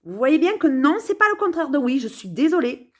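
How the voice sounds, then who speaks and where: A vlogger muses playfully to camera from her sofa at home, rambling casually with many hesitations and repeated words. Her high voice is very animated and a little fast.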